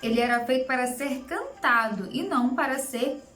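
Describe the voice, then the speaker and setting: High-voiced woman teacher in an echoey room. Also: lively intonation, normal speed, a bit bright. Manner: patient, explains step by step and checks in with "tá?". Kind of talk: online writing lesson. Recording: echoey room with faint music.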